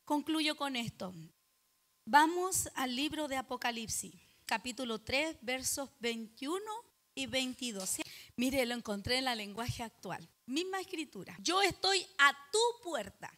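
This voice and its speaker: A Chilean woman preaching a sermon at a church service. She is dramatic, questions the congregation directly, and builds to loud, emphatic exhortation. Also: high voice, animated, measured pace.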